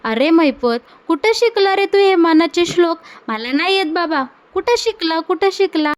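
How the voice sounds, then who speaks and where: Woman reading a mocking male prisoner: loud teasing, high-pitched, retold soap scene. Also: steady tone, a little slow. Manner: teasing, jeering questions.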